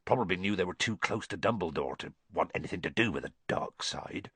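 A man voicing a huge, kindly, bearded giant who talks roughly with dropped grammar, read as an audiobook character. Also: fairly low pitch, sing-song, measured pace, bright, forceful tone, dry recording, full character voice. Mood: sad, grave.

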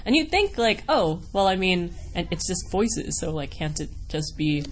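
Her voice sits fairly low and she's very animated, talking at a moderate pace. This Wisconsin-born American voice actor rambles chattily through casual interview answers, giggling and poking fun at herself, while noticeable noise runs underneath.

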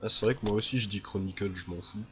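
A man co-hosting a casual podcast, talking through a headset in a lively, self-mocking way. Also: lowish voice, fast, slight background noise. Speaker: podcast co-host. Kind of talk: casual chat.

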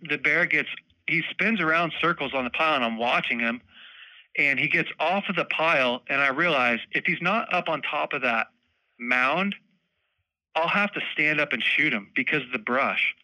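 Male guest, casual storyteller, bright forceful tone, dry close sound. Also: fairly high pitch, moderate pace, dry recording, low-quality recording. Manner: animated, laughs often, acts out moments. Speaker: podcast guest, bowhunter.

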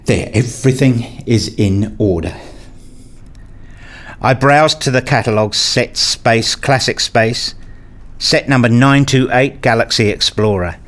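A man's voice: medium pitch, measured pace, fairly bright tone, close to an everyday voice. A man playing a brooding, rule-obsessed husband and father in a radio play, speaking in an introspective, pedantic way. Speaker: narrator and lead character. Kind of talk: first-person radio play narration and dialogue.

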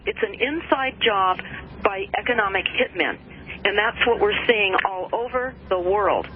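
A woman from the United States speaking as a radio show guest, earnest and alarmed about conspiracies, with halting ums. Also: medium pitch. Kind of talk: talk radio commentary. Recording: dull phone-in audio with noise.

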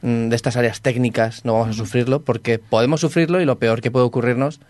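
Guy on a podcast explaining scams, earnest n deliberate, middle pitch, dry mic. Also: steady tone, a little mellow, no room sound. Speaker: podcast co-host. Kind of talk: casual chat.

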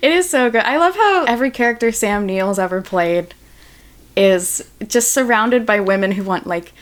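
A woman's voice: mid-range voice, lively intonation, moderate pace. A woman guest on a podcast, chatting casually, often laughing and making sarcastic asides. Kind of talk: casual chat.

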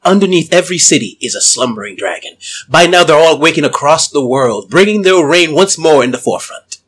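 A soft-spoken zealot who serves tea to dragons, as a man plays him, slow and coaxing. His husky voice rises and falls in a lilting sweep, pitched a little high for a man. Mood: solemn. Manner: calm, slow, hypnotic persuasion. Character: eerie male tea server devoted to dragons.

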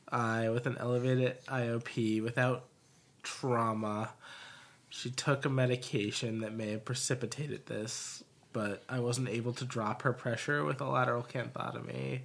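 A man's voice: mid-range voice, vocal fry. A man, a medical resident, presenting a case in a practice oral exam, hesitating often and restarting his sentences as he thinks. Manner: hesitant, lots of ums and restarts under pressure.

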